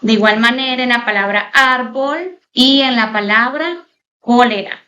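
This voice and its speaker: A woman's voice: fairly high pitch, sharp tone, slight background noise. A woman teacher giving a recorded online lesson, speaking formally and explaining points step by step to her students. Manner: pauses to spell out example words slowly. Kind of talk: recorded online class lecture.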